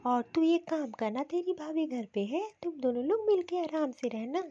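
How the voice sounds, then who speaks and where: A woman's voice: high-pitched, expressive, moderate pace, dark tone. A woman voicing a fussy, doting older mother-in-law who talks in a soothing, reassuring way to her daughter in a cartoon. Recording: dull lo-fi recording.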